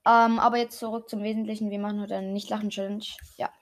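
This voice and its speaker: Young woman, casual host, slangy, hesitant, mid-pitched voice. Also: level tone, fast talker. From Switzerland. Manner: slangy, hesitant, searching for words. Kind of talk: casual chat.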